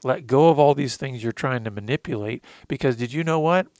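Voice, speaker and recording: A man's voice: mid-range voice, brisk, a little mellow, no room sound. A man in his thirties co-hosting a faith-based talk, earnestly telling his recovery story and quoting scripture with emotion. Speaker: podcast co-host sharing recovery testimony.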